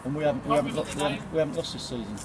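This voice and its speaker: A man's voice: fairly high pitch, racing, a loud crowd, rough recording. A middle-aged man, a football manager giving a plain-spoken post-match interview outdoors at night, with many ums and repeated words. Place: outdoors by a stadium building at night. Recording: loud outdoor background noise.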